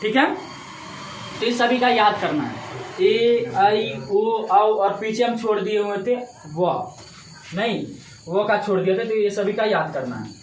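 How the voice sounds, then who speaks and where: A man's voice: high-pitched, a little slow. A male teacher walks through a grammar lesson, posing a question and then giving the answer himself, over and over. His voice bounces around an echoey room with faint background noise. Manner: asks questions and answers them himself, repetitive. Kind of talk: classroom-style Hindi grammar lesson.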